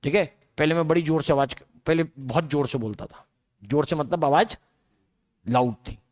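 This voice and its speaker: A man's voice: on the high side, moderate pace. A man giving a biology lecture to a large classroom. He talks in a loose, conversational way and keeps checking in with rhetorical questions. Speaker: biology teacher.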